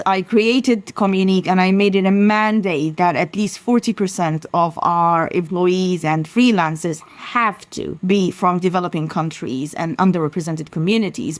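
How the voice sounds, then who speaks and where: A woman's voice: fairly low pitch, no echo. A middle-aged woman from Sudan, a consultancy founder answering interview questions in a passionate, emphatic way. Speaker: guest, sustainability consultancy founder.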